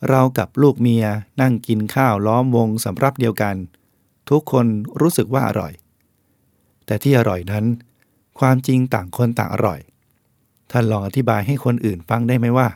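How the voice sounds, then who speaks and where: A man's voice: medium pitch, normal speed, vocal fry, a little mellow, no echo, studio quality. A man, a Buddhist monk, reading a book of essays aloud in a plain, explanatory way and speaking directly to the listeners.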